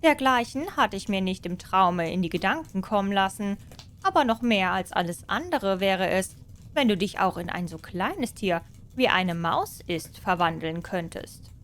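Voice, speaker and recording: A woman voicing a sly, clever male cat in boots in a storybook reading, by turns bold and flattering. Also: mid-range voice, normal speed, a little hiss or hum, lightly acted.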